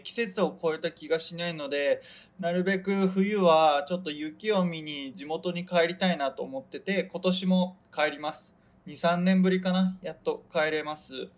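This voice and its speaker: Young man from Hokkaido, casual solo podcast host, slightly high voice, meandering self-mocking chatter. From Hokkaido, Japan. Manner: rambling, chatty, loses his thread and laughs at himself. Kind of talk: casual solo radio chat.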